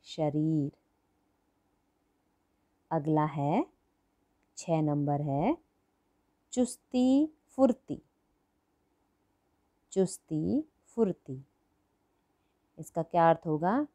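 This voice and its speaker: A woman's voice: low voice, drawn-out words, pauses often, dark tone. A woman teaching a primary school lesson, patient, repeating each word and asking the class questions. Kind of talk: slow classroom lesson for children.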